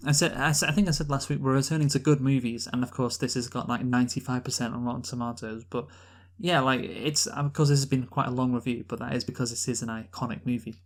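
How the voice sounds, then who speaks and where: A man co-hosting a podcast talks fast in a medium-pitched, steady voice, hardly pausing as he reviews films. The conversation is casual and unscripted, and he gives emphatic opinions while repeating his points.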